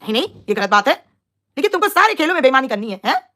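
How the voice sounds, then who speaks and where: Young woman on a live stream, chatty and teasing, talks super fast. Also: sits high, very animated, bright, forceful tone. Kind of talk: casual live stream chat.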